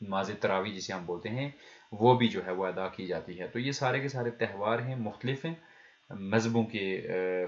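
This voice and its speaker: Low-voiced male teacher, lo-fi recording. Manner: explains step by step, repeats key words and asks the class questions; pauses to check his notes mid-lesson. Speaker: Korean language teacher. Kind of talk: recorded online lecture.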